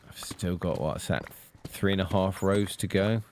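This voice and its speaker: A man casually talking to himself while playing a video game, relaxed and unhurried. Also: low voice, slight background noise. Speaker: gameplay video host. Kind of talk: casual gameplay commentary.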